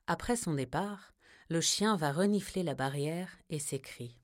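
Low, slow woman reading a children's tale. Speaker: narrator.

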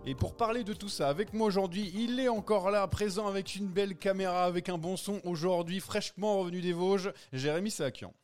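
A man's voice: sits high, fairly quick, hardly any pauses, darkish tone, faint music behind. A man hosting a casual podcast, chatting with guests over a remote call, with frequent fillers and restarts. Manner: sings the intro, then chatty with fillers and restarts. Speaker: podcast host. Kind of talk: casual cycling podcast chat.

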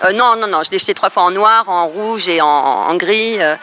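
A woman guest speaks hesitantly, pausing often as she looks for her words. Her voice is bright, with a faint ambient hum behind her. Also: on the low side. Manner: hesitant, many "euh" and restarts. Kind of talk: casual chat.

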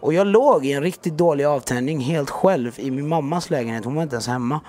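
A man's voice: fairly high pitch, darkish tone. A man in his thirties, a podcast guest telling his story in a casual, slangy way that repeats itself. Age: 30s.

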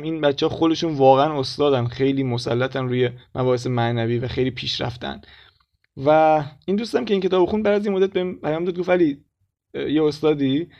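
A man's voice: on the high side, dull audio. A man with an Iranian Persian accent telling personal stories in a casual, conversational monologue. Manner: informal, colloquial, conversational. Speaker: spiritual self-help content creator.

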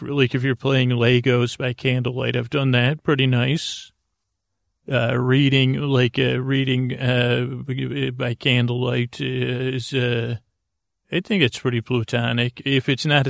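This man hosts a bedtime podcast, his creaky, mid-range voice carrying a halting, meandering monologue that keeps veering off into whimsical tangents. The studio-quality recording has no room sound.

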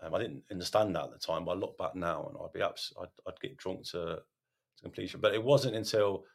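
Deep-voiced man, halting and candid. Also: vocal fry. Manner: halting, self-correcting, frequent ums and repeated words. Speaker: podcast host, sharing his recovery story. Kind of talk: candid interview conversation.

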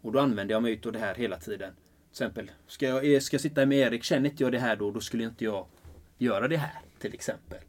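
A man speaking earnestly and enthusiastically as a life purpose coach in a relaxed conversation, often restarting his sentences. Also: medium pitch. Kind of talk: casual conversation.

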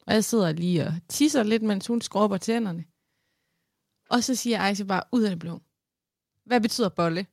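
A woman's voice: medium pitch, creaky, a little mellow, dry recording, studio quality. A woman in her thirties, a podcast co-host, telling funny stories in casual chat and laughing often.

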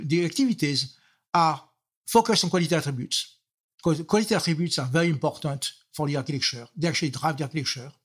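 Older man, French accent, slightly high voice, methodical podcast guest. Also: fairly bright tone, breathy edge. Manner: explanatory, enumerates points with frequent restarts. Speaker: guest, software architect. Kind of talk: interview answers.

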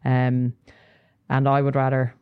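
A woman's voice: extremely low pitch, completely flat delivery, unhurried, smooth, narrow, tinny audio. Confident Irish woman pundit. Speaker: guest pundit. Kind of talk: casual sports chat. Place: studio.

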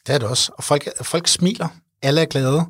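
A man in his forties, an event organizer, telling his story in an earnest, animated way during an interview. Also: fairly high pitch, breathy edge, no room sound, clean studio sound. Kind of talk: interview conversation.

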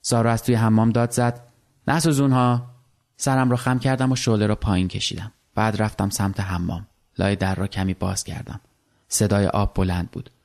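A man calmly reading a literary short story aloud in the first person. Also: fairly low pitch, gravelly.

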